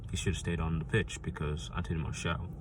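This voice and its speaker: A man's voice: very deep voice, level tone, fast, background noise. A man hosting a football fan vlog, rambling and insistent, repeating his points with many restarts. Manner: rambling, frequent restarts and fillers. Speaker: football fan channel host. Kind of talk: casual fan prediction vlog.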